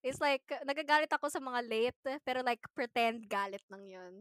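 A woman with a high, bright voice tells classroom stories in a casual podcast chat. She talks in animated bursts, laughs often and switches between Tagalog and English. The recording is dry and close. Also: normal speed, no room sound. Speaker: teacher.

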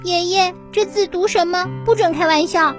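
A woman's voice: very high-pitched, moderate pace, soft background music, pitched above the performer's own voice. A woman doing a cross little first-grade girl. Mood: pleading. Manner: whiny, stamping, indignant.

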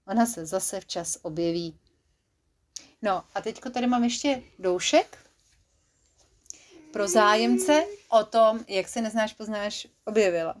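A young mother telling a bedtime story to her child, gentle and relaxed with small slips. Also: medium pitch.

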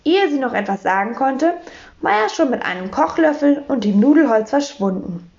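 A woman reading a children's book aloud in an expressive, animated way. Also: high-pitched, moderate pace, lo-fi sound. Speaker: storyteller.

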